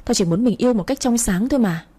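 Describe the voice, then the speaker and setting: A woman's voice: fairly high pitch, expressive, fast talker, warm tone, husky, voice pushed up. A woman voicing a heartbroken young woman who complains in a whiny, sulky way, in a read-aloud story. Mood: tearful.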